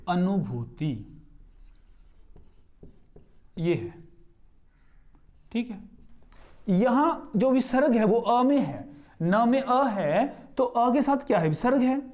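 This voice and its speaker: A man's voice: high voice, darkish tone, muffled recording. A man teaching a grammar lesson, explaining step by step, asking his own questions and answering them, and spelling out words syllable by syllable. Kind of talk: classroom-style grammar lesson.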